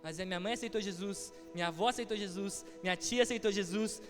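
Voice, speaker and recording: Young Brazilian preacher, high voice, reverberant hall. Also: male voice, fast talker. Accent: Brazilian Portuguese. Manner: heartfelt storytelling, acting out quoted dialogue. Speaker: guest preacher. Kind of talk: testimony sermon. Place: church hall with music behind. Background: soft music.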